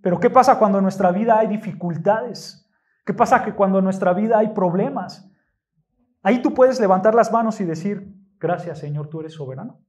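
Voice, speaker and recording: A slightly mellow, mid-range voice at normal speed belongs to a preacher in church. The sermon is emphatic, leaning on key words and rhetorical questions, with the congregation addressed again and again.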